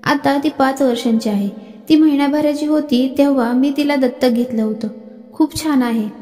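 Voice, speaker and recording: A woman voicing a warm, talkative male friend from the village who chats and reminisces. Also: high-pitched, moderate pace, soft background music, natural voice. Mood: fond. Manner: chatty, reminiscing. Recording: echoey reverberant room.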